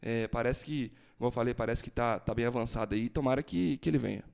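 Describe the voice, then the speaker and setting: A man discusses football in a casual way. His voice is medium in pitch, and he often doubles back on words while making his point as a commentator. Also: fast talker, creaky, darkish tone.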